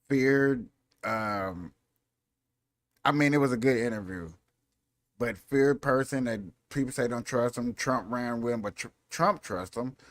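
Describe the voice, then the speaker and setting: A man's voice: fairly low pitch, dry recording. A man hosting a casual commentary vlog, rambling and repeating himself as he talks over clips. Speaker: vlog host.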